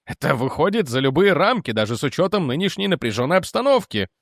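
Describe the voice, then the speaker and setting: A pushy, indignant government envoy fires off demands in a raised, lively voice, as a man reads him in an audiobook. The sound is close and dry. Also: fairly high pitch, quick pace, dry recording. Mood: indignant demanding. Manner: pressing, demanding questioning. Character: indignant, officious male government representative.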